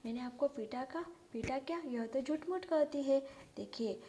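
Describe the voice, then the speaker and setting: A woman teacher retells a story for young pupils in a fairly high, mellow voice. She pauses often to explain words and idioms. Faint noise runs under the recording.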